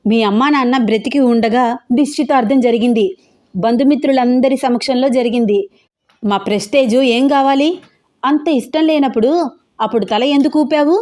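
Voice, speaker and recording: A haughty middle-aged mother storms through this audio story, shouting and scornful, as a woman narrator puts her on. Her voice sits high and shrill, with a mellow warmth underneath. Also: normal speed, natural voice. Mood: shouting scornfully.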